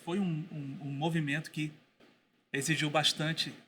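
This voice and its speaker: A man speaking as a podcast guest and teacher, telling a story in a thoughtful way with pauses and restarts. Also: on the high side, level tone, pushed and bright, a little hiss or hum. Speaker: guest, Bible school teacher. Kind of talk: casual podcast conversation.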